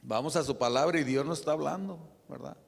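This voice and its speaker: A man preaching a sermon as pastor, in a conversational style with frequent tag questions and soft asides. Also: fairly high pitch, fast, gravelly. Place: church sanctuary. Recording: reverberant church hall.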